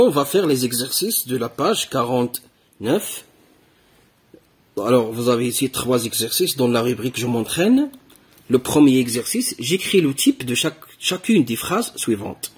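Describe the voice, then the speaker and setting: A man's voice: mid-range voice, breathy edge. A man teaching a French grammar lesson to primary pupils, patiently repeating key words and asking questions.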